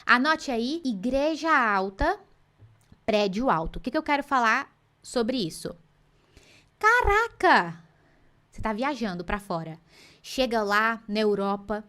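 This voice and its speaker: Woman, Brazilian Portuguese accent, English teacher, live online class, playful, slightly high voice. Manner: lively, playful, teacherly, mixes in English examples.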